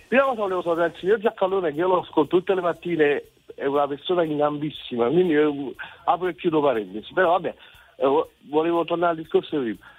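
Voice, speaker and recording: A man's voice: on the high side, breathy edge, no room sound. A man from Naples, calling in to a radio show over a landline phone and speaking hesitantly, often restarting. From Naples, Italy. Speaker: caller, musician. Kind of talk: radio call-in comment. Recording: tinny phone line into radio studio.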